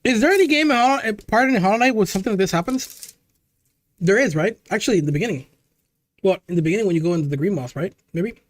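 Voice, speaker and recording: A young man with a notably high voice streams live and talks casually to his viewers, loose and chatty. The sound is dry and close, with no room around it. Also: fast talker, dry recording. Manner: chatty, loose, calls the audience "dude" and "chat".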